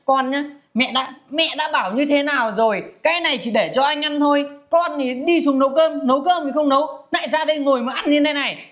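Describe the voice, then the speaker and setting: A nagging middle-aged mother who dotes on her son and scolds her daughter, played by a woman. She talks in a high, exasperated voice throughout this comedy family skit. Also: quick pace, hardly any pauses, close to an everyday voice.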